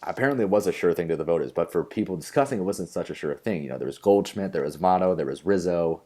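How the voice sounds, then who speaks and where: A man's voice: deep voice, animated, quick pace, a little mellow. A young man co-hosting a podcast, chatting eagerly about baseball with lots of fillers. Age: young adult. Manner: enthusiastic, rambling baseball talk with many fillers. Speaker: podcast co-host. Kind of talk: casual chat.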